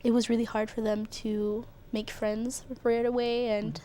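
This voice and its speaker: A woman's voice: on the high side, flat delivery, normal speed, warm tone. A young woman from Ethiopia, a guest answering casually with "um" and "like". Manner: casual, with fillers like "um" and "like". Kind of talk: interview answers. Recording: faint background noise.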